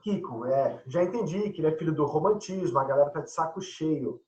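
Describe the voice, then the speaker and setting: Chatty, joking man teacher, lively pitch. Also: fairly quick, dull audio. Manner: chatty, joking, addresses students directly. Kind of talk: casual online class chat.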